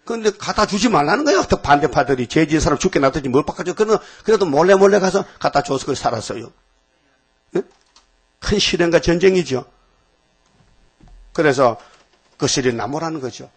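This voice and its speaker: A man's voice: on the high side, animated, a little fast, pauses often, husky. A man preaching an informal sermon to a small group, folksy and chatty, often asking the listeners questions.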